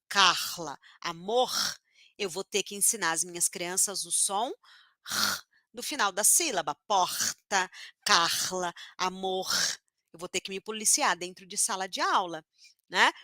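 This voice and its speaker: A woman teacher from northern Paraná, Brazil, with a northern Paraná accent, giving a live online phonetics lesson and slowly repeating each sound she demonstrates. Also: medium pitch, bright, forceful tone, dry recording, studio quality. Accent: northern Paraná Brazilian Portuguese.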